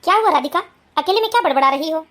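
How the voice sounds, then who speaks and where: A steady, dutiful young husband from an animated family story, as a woman puts him on, calm and firm. The put-on voice is lowered yet still high and bright. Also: rapid-fire.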